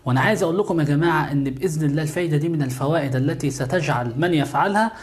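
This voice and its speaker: A man's voice: a little high, rapid-fire. A man with an Egyptian accent hosts his channel, giving casual spiritual how-to instructions, often calling out to viewers and answering his own questions. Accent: Egyptian Arabic. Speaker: YouTube channel host.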